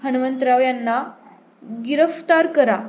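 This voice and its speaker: A woman reader voicing an arrogant, drunken male chieftain who mocks and shouts at an envoy. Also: sits high, measured pace, highs cut off. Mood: sneering. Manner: sneering, mocking, shouting.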